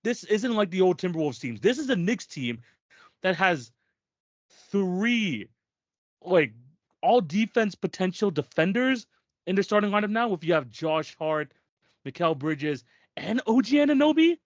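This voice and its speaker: A man's voice: high voice, sing-song, no echo. Emphatic man talking sports, dry lo-fi. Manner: fast, emphatic, restarts sentences often. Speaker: podcast co-host. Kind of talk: casual sports chat.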